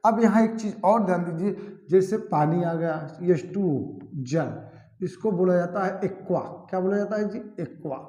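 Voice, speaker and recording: A man's voice: high-pitched, moderate pace, warm tone, reverberant. A man teaching a chemistry lesson, who keeps repeating key terms and quizzing his students with "what will it be called?". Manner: addresses students as "bhaiya" and "ji". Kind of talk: classroom lecture.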